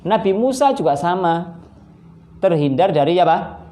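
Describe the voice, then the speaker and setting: A man's voice: sits high, moderate pace. A man preaching a casual Islamic sermon over a phone livestream. He speaks Indonesian with a Javanese accent, acts out dialogue and chuckles at his own asides. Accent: Javanese-influenced Indonesian. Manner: animated storytelling, acting out dialogue, chuckling asides.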